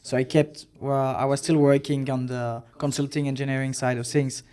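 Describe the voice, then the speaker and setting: A man in his thirties from Belgium, a podcast guest telling his story in a relaxed way, with hesitant fillers. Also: medium pitch, normal speed, clean tone. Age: 30s. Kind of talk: casual interview chat.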